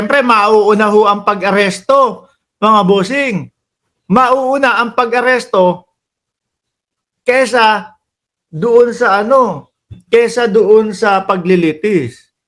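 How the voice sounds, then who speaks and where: A Filipino-accented man hosting a casual political commentary stream, chatty and quick to laugh, calling out to his viewers. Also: extremely high pitch, a bit bright. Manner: chatty, laughs often, addresses viewers as bossing and kababayan. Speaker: political commentary livestream host.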